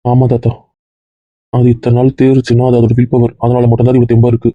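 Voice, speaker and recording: A man voicing a fiercely protective young husband in a family drama, talking in a brisk, emphatic, scolding way. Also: medium pitch, completely flat delivery, no echo, close to an everyday voice. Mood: firm. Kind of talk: Tamil family drama dialogue. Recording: dull dry lo-fi recording.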